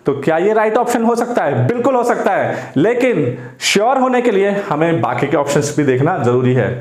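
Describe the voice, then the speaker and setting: Man, high-pitched tutor, patient repeating delivery, exam-prep lesson, roomy echo. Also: sing-song. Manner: explains slowly with repetition, mixing Hindi and English. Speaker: English teacher.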